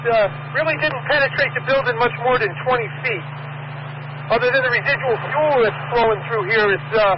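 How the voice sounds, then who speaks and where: A man with a very high voice reports as a firefighter over two-way radio, hesitant but matter-of-fact. The sound is muffled and full of noise. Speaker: firefighter on scene. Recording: muffled, noisy scanner radio audio.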